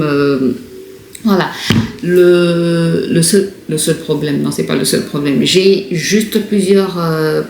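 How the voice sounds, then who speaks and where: A woman chats through a home vlog, her voice a little low, stopping often to restart or fill a pause. The room is echoey, with a faint hum of noise behind her. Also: darkish tone. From Congo. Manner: chatty, hesitant, many fillers and restarts. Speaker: vlogger. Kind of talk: casual vlog chat.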